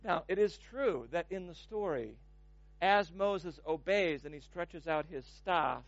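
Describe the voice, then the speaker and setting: A man's voice: a little high, expressive, unhurried, no echo, muffled recording. A man preaching a sermon in an emphatic way, often repeating words as he builds momentum.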